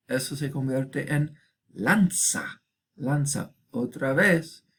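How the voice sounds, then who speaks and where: A man giving a recorded lecture, slowly repeating each example word and asking listeners quick check questions. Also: mid-range voice, creaky. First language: Spanish.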